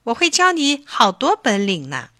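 一位女士在故事朗读中扮演一位慈爱耐心的猫妈妈，语气轻柔、循循善诱。. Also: female voice, on the high side, huge pitch swings, moderate pace, no room sound, clean studio sound, exaggerated voice. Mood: coaxing. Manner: gentle, coaxing. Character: patient loving mother cat. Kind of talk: storybook reading.

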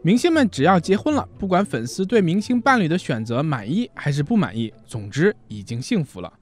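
A man hosting a radio talk on relationship advice, explaining points in a lively, chatty way and acting out quoted lines. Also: a little high, fairly quick, soft background music. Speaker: radio host.

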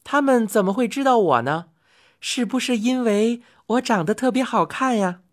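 Woman reader plays vain, hot-tempered young wife in a storybook: high, loud, shrill, scolding. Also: lively intonation, moderate pace, natural voice. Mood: delighted.

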